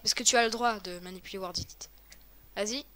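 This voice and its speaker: A woman's voice: mid-range voice, a little fast, sharp tone. A woman hosting a casual game tutorial with a friend, talking in a chatty, hesitant way with many fillers and restarts. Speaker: host of a game tutorial video.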